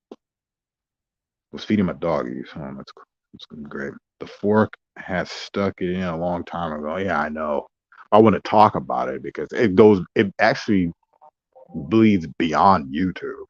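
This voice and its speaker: A man's voice: low voice, expressive, unhurried, pauses often, no echo. A man talking in a rambling casual monologue, drifting between asides and mocking quoted voices. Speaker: vlogger. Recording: dry, dull lo-fi sound.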